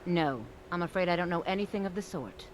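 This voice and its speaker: An actress playing a stern high elf woman mage who guards a magic college gate, with formal, measured speech. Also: noisy background, natural voice.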